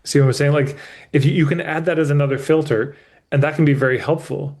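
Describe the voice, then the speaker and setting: A man's voice: fairly high pitch, steady tone, fast, darkish tone. A man coaching a client in a live session. He explains ideas candidly and emphatically, swears casually, and often restarts his sentences. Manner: restarts mid-thought as he explains. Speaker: business coach.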